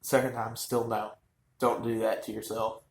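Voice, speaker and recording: A man's voice: mid-range voice, level tone, moderate pace, reverberant, a little hiss or hum. A man talking casually and rambling with lots of fillers as he reviews a wine in his own vlog. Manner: rambling, chatty, frequent fillers. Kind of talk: casual chat.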